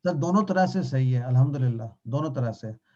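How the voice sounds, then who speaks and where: A man teaching a Quran and Arabic grammar class online, answering questions in a relaxed way and mixing in English phrases. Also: mid-range voice, lo-fi sound. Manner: mixes English phrases into Urdu, relaxed explanatory.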